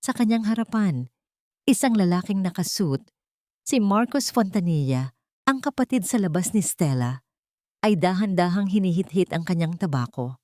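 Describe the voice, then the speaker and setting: A woman reading a scripted drama story in a measured, dramatic way. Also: lowish voice, expressive, darkish tone, no room sound, studio quality. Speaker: narrator.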